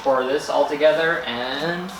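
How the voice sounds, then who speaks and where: A man narrating a casual food vlog in a rambling, halting way, often searching for words. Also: on the high side. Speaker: food vlogger. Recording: echoey room with faint background noise.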